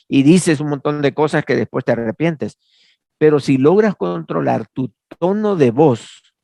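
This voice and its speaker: Guy teaching a bible class, gravelly voice, dry close sound, keeps repeating his points. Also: medium pitch, a little mellow, dry recording. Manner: earnest, repeats key phrases, quotes scripture. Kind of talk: class lecture.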